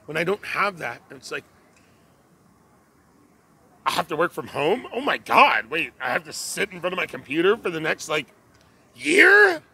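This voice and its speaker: Lively, emphatic man on a street. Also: a little high, normal speed, vocal fry, long pauses, slightly rough, dry recording. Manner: emphatic, exclaiming, conversational. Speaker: passerby interviewee. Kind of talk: animated street interview answer. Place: outdoor city street with cafes. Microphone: handheld interviewer mic.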